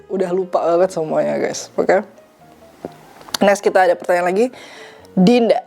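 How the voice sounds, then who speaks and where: A woman's voice: medium pitch, dark tone. A young woman from Indonesia answering viewer questions in a casual vlog, chatty and dropping in English phrases. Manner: chatty, mixes English phrases into her talk.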